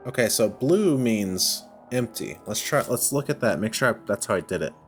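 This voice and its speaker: The playthrough host speaks at normal speed, his lowish voice lively in intonation, with faint music behind him. Puzzling his way through the game, he offers relaxed commentary, hesitating and asking himself questions as he thinks.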